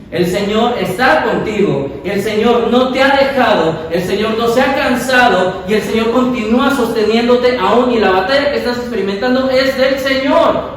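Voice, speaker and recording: Guy preaching a sermon, really high voice, hammering the same lines over and over, faint noise behind. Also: heavy reverb, recorded from a distance, rough recording. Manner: emphatic, repeats key phrases for the congregation. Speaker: pastor. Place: large church hall.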